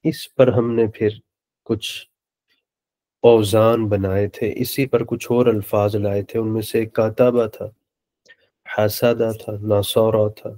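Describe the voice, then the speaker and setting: A man teaching a beginner Arabic lesson, speaking slowly and patiently and repeating words for his students. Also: fairly low pitch, little pitch movement, warm tone. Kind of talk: online lecture in Urdu.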